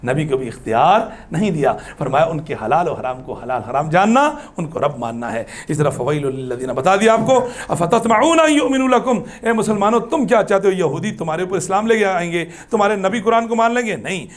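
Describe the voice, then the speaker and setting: A male teacher leads a religious class in an animated, emphatic way. His voice sits fairly high and climbs higher when he stresses a point. He slows down to chant scripture between plain explanations. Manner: animated, rises high for emphasis, chants Arabic verses slowly; ends in soft, low supplication. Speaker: Islamic teacher.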